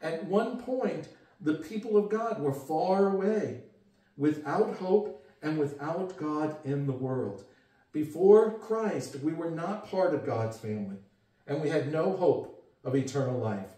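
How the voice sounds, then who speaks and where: An older pastor preaches an earnest sermon in a home living room with guitars and a TV, caught from across the room by a far-off camera mic with strong echo. His warm, mellow voice sits slightly raised, with lively intonation and an unhurried pace; he gestures, rising for emphasis and dropping quiet.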